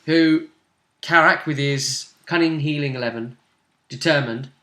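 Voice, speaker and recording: A man acting as game master casually narrates a tabletop roleplaying game, checking in conversationally with his player and using tag questions. His voice is fairly high-pitched with a sharp tone, at a measured pace.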